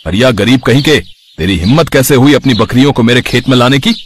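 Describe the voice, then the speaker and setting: A man's voice: mid-range voice, lively intonation, fast talker, slight background noise, lightly acted. A man voicing an angry, stingy field owner who scolds harshly in a cartoon story.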